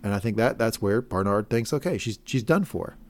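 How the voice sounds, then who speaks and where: A man with a fairly low voice co-hosts a casual podcast, walking through a TV episode scene by scene. He rambles and corrects himself as he goes, floating guesses about the plot. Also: expressive, brisk. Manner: rambling, self-correcting, speculative. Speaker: podcast co-host.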